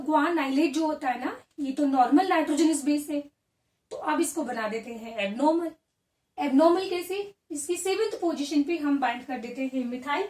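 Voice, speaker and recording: A woman with a high-pitched, darkish voice teaches biology in a classroom lecture, explaining step by step and asking and answering her own questions. The recording has a roomy echo, and she sounds a bit far from the mic.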